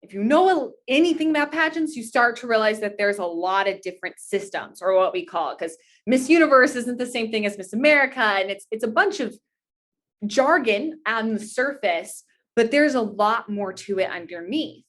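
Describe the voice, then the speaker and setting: A pageant titleholder in her twenties, appearing as an interview guest, talks earnestly and at length in a conversational, anecdotal style. Her voice is a little high and fairly bright, expressive, and moves at a moderate pace.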